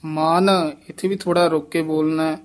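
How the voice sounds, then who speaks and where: A man teaching scripture recitation, repeating lines and calmly pointing out pauses and correct pronunciation. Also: fairly high pitch. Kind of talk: pronunciation instruction.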